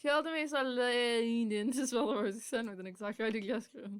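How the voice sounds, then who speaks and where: A woman's voice: a little high, brisk, smooth, no echo. Giggly woman reading game text. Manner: playful, giggly, teasing. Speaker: let's-play host. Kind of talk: reading visual novel text aloud between jokes.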